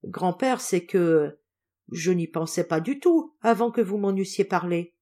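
A woman's voice: fairly low pitch, animated, a little slow, dark tone. A woman reading an audiobook, voicing a shy, tender girl of seventeen who falters as she talks. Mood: timid. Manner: hesitant, faltering.

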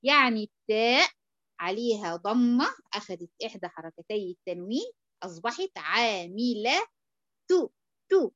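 A woman's voice: mid-range voice, sing-song, normal speed, fairly bright tone, no echo, lo-fi sound. A woman with an Egyptian accent teaching a tajweed lesson, who checks often that the student understands and draws out syllables to demonstrate them. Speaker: Quran recitation teacher.

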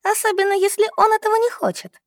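A cheeky, brazen young woman with a high, teasing voice, as a woman narrating an audiobook puts her on. She sounds playful and provocative. The recording is dry. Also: big pitch swings, fairly quick, no room sound. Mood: mocking.

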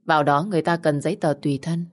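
A woman voicing a calm, kind young man who briskly takes charge of getting a sick man to hospital. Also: sits low, natural voice. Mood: practical.

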